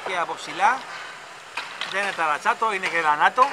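Male vlogger, high-pitched, rambling fan chatter, noisy outdoor site recording. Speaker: vlogger filming a stadium construction site. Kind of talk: casual on-site vlog narration. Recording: loud construction site noise.

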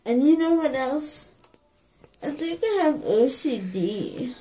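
A woman's voice: sits high, lively intonation, takes it slowly, warm tone, rough recording. A young woman, dazed and groggy, rambling in casual chat as she comes out of anesthesia. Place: small indoor room, lying on a pillow. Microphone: phone held near, off the speaker.

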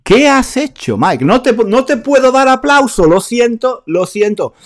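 A man's voice: extremely high pitch, very animated, a little slow. A man from Spain teaching a live online Spanish class, reading out viewers' comments in a chatty way and repeating phrases.

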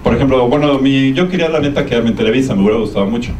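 A man's voice: medium pitch, very fast, darkish tone. A young man with a Mexican accent giving an informal conference talk in a colloquial, hesitant, meandering way. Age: young adult. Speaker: guest speaker, media production worker. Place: university lecture room. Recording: echoey room, distant sound, background noise.

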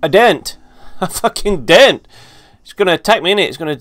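Male gamer, nervy and profane, lively high-ish voice, faint music behind. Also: normal speed. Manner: jumpy, sweary, joking to himself. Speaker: gaming video host. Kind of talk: horror game playthrough commentary.

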